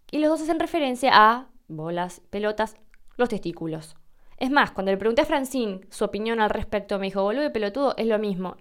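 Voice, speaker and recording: A woman's voice: on the high side, smooth. A woman with an Argentine accent explaining Spanish usage patiently, with examples, as a teacher. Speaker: Spanish teacher answering listener questions. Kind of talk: explanatory lesson.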